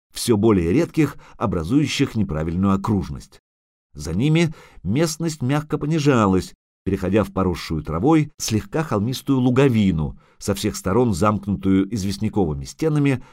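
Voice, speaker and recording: Guy narrating fantasy audiobook, deep-ish, very lively intonation, dry mic. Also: dry recording.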